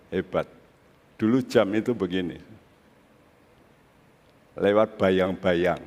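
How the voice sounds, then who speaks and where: A male pastor preaching a sermon in a relaxed, conversational way that breaks into excited high bursts. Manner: slow, conversational preaching with sudden excited rises. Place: church sanctuary. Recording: long reverb of a large hall.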